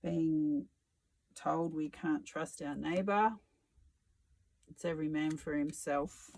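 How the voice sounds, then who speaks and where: A tarot reader talks through a solo reading in a slow, unhurried way. The delivery is musing and reflective, with dry sarcasm and casual swearing, and the voice sits at a middling pitch. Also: steady tone, vocal fry, darkish tone, poor audio.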